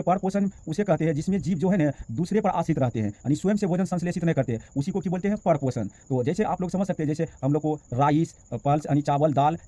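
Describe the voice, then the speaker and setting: A man teaching a school biology lesson, reading English definitions slowly word by word and explaining them in Hindi. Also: a little high, mellow, dry recording. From India. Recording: dull, dry, lo-fi recording.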